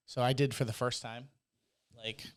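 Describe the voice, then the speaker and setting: A man's voice: mid-range voice, level tone, normal speed, background noise. A man co-hosting a podcast, teasing his friend and laughing through crude jokes. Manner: joking, teasing, prone to laughing. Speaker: podcast co-host. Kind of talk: casual comedic banter.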